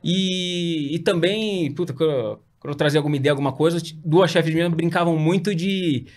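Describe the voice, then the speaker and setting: A man's voice: fairly high pitch, normal speed. A man, a guest telling his career story in a casual interview, slangy and self-deprecating with lots of fillers. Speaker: guest entrepreneur.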